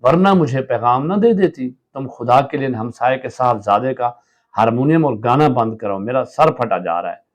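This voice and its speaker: A man's voice: mid-range voice, expressive, normal speed, close to an everyday voice. A man reading a play aloud and voicing a sick, irritable husband who groans and snaps at everyone. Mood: pleading.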